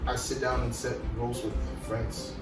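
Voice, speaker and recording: A man's voice: medium pitch, level tone, normal speed. A man from Ghana, a guest in a casual group chat, speaking in an easygoing, thoughtful way. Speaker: interview guest. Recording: echoey, distant mic, background music.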